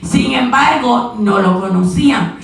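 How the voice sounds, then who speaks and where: A woman's voice: a little high, animated, unhurried, creaky, soft background music. Woman preaching in an echoey church. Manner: storytelling with rhetorical questions and asides. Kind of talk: sermon. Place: church sanctuary. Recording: very echoey hall, mic far off.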